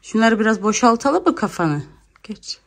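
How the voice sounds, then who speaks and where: A woman's voice: on the high side, animated, moderate pace, fairly bright tone. A young woman filming a casual home vlog, often slipping into sing-song baby talk with her little daughter. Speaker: vlogger.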